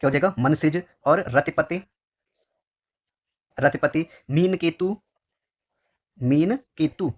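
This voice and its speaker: Man repeating answers to pupils. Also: husky. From India. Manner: repeats each phrase slowly, keeps saying "dear children"; drops low on each answer word. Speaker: Hindi exam teacher. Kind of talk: exam question walkthrough lesson.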